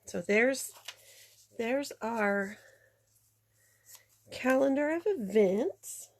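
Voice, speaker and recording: A woman's voice: fairly high pitch, expressive, extremely slow. A congested woman chatting casually through a craft tutorial, talking through each step as she works. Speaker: card-making demonstrator.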